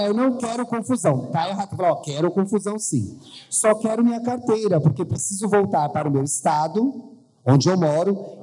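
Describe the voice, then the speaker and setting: Co-host reading aloud: a dark, husky male voice with dry humor. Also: high-pitched, poor audio. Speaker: podcast co-host reading a listener story. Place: live theater stage.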